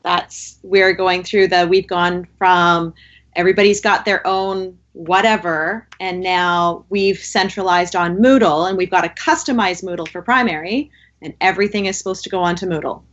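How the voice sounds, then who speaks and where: A woman's voice: on the low side, fairly even intonation, moderate pace, a bit bright. A woman co-hosting a teaching podcast, talking casually and acting out other people's reactions. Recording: dull lo-fi recording.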